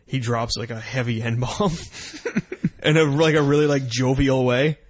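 A man's voice: medium pitch, steady tone, unhurried, breathy edge, no room sound. A man in casual podcast chat, rambling and laughing often as he tells stories.

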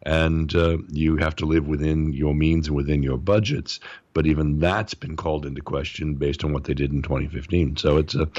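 A man's voice: rumbling low, steady tone, normal speed, darkish tone, no room sound, lo-fi sound. A sick man who sounds as if he is inside a tin can, explaining at length as an interview guest with many restarts. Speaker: political guest.

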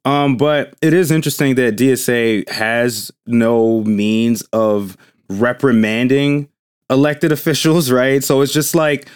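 A man's voice: mid-range voice, fairly even intonation, measured pace, clear, resonant tone, no room sound, studio quality. A man hosting a casual podcast panel discussion, rambling and hedging, with many "like"s and "right?"s. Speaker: podcast host.

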